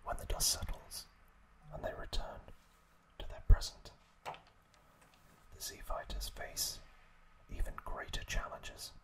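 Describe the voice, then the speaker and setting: Right up at the microphone, a man whispers breathily as an ASMR narrator, hosting and addressing his listeners. He speaks very slowly in hushed, drawn-out phrases, and the recording is rough.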